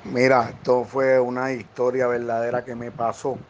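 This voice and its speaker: A man's voice: medium pitch, moderate pace. Puerto Rican man telling street stories. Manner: animated, acts out quoted voices, slangy. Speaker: security guard. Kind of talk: casual storytelling. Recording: dull lo-fi recording with faint noise.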